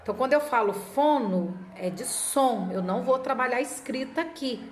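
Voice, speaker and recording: A woman's voice: on the high side, expressive, slight background noise. A woman literacy teacher explaining classroom methods to other teachers, sometimes acting out how she chants words with children. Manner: demonstrates classroom chanting, slow and deliberate. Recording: echoey room with faint ambience.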